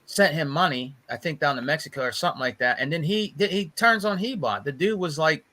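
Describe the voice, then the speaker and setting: A podcast co-host chats casually, gossiping and telling stories, often saying "bro" and repeating phrases for emphasis. His fairly high voice is brisk, pushed and bright.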